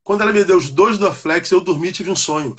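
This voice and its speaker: A man, a Baptist pastor, telling a personal testimony in an animated, conversational way. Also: high voice, fast talker, a little hiss or hum. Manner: animated storyteller, calls the listener "cara". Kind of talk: personal testimony on a live chat.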